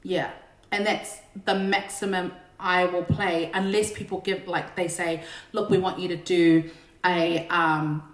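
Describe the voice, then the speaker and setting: Her voice sits on the low side with little pitch movement and a slightly slow pace. A singer and vocal teacher, she chats, jokes, and pokes fun at herself between songs on a home livestream during lockdown, showing off a big belting voice. The room echoes, and faint backing music plays.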